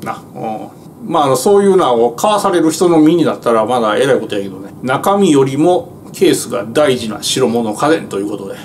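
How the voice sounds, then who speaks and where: Kansai-accented male truck driver, chatty filler-heavy monologue, animated fairly high voice, faint background hiss. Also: brisk. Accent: Kansai Japanese. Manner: rambling, filler-heavy storytelling in broad dialect. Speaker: truck driver telling stories. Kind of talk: casual monologue to viewers.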